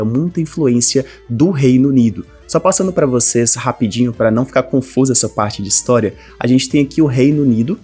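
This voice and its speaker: Brazilian male teacher, lively and direct to camera, slightly husky voice, faint music bed. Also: mid-range voice. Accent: Brazilian Portuguese. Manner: lively, addresses viewers directly as a group. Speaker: English teacher. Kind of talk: online language lesson.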